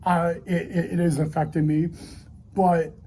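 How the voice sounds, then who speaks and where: A woman's voice: fairly low pitch, little pitch movement, mellow, a little hiss or hum. A woman hosting her own channel, crying as she speaks to viewers and stumbling over repeated words. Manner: halting, tearful, repeats herself. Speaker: channel host. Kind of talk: emotional direct-to-camera address.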